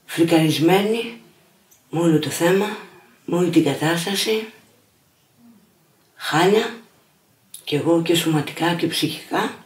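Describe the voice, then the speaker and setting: A woman's voice: fairly low pitch, long pauses, a little mellow, roomy sound. A young woman giving a subdued, weary documentary testimony. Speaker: interviewee.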